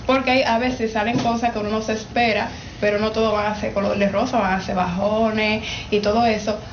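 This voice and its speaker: A woman's voice: medium pitch, little pitch movement, a little fast, reverberant, dull audio, noisy background. A nineteen-year-old woman, a young athlete giving earnest, firm interview answers.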